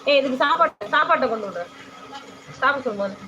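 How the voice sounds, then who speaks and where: A woman's voice: lively intonation, fast talker, lo-fi sound. Lady chatting to her cats n viewers, lots of singsong coaxing, bit of background hiss. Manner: coaxing, high sing-song calls to her cats. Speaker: pet channel host. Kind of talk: casual chat to cats and live viewers.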